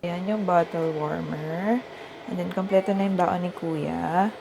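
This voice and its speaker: A young woman, a mother vlogging her day, talks viewers softly and unhurriedly through her chores at home, mixing English into her speech. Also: on the low side, fairly even intonation, measured pace, vocal fry. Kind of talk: casual chat to camera while doing chores. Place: home kitchen, indoors. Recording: noisy home recording with room ambience.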